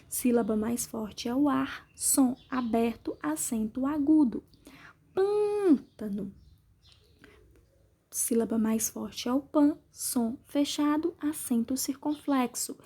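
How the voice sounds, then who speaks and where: High, husky-voiced woman teacher. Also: mellow. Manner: patient, spells out answers slowly. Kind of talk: remote class lesson, correcting exercises.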